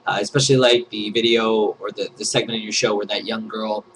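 A man's voice: lowish voice, flat delivery, brisk, noisy background. A man vlogging in a casual chat about trending topics, joking and rambling, now and then slipping into silly put-on voices.

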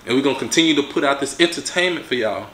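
Hyped young man on a bright, lively vlog. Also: medium pitch, rapid-fire, reverberant, slight background noise. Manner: laid-back, hype sign-off to viewers. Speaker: vlog host. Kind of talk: casual vlog chat. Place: living room, on a sofa.

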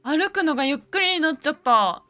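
Woman, high bright voice, very animated, casual game commentary, jumpy and easily startled. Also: a little fast. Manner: jumpy, easily scared, exclaims and repeats herself. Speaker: gaming video host.

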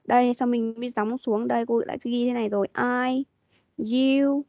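Lady teaching english online, kinda high voice, dull lo-fi call audio, dry. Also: steady tone, normal speed, vocal fry, warm tone, dry recording. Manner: patient, prompting, repeats questions. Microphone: video call.

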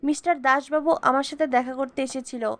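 A woman's voice: sits high, steady tone, fairly quick, fairly bright tone, dry recording. A woman reading the lines of an evasive young man making excuses.

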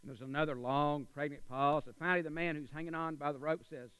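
Bright-voiced Texan preacher, folksy and emphatic. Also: male voice, fairly high pitch, steady tone, quick pace, clean tone, no echo, rough recording. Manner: folksy, builds to loud emphatic peaks. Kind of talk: sermon. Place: church sanctuary.

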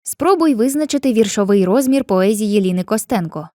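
A woman narrating a scripted literature lesson with clear, measured explanations, slowing down to read poem lines. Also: medium pitch, lively intonation, mellow, dry recording, studio quality. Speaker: teacher.

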